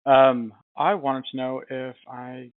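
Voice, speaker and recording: Calling a prize winner on behalf of his company, this man keeps things friendly and informal, explaining as he goes and frequently chuckling. He has a mid-range voice, a flat delivery and a slow pace, and the recording carries some hiss or hum along with phone-like band-limiting and room echo.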